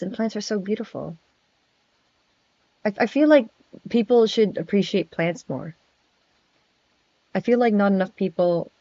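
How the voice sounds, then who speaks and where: A woman's voice: on the low side, warm tone, no echo. A woman streaming in character as a friendly male vampire prince, chatting casually, giggling nervously and stammering. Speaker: virtual streamer. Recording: dry, dull lo-fi mic.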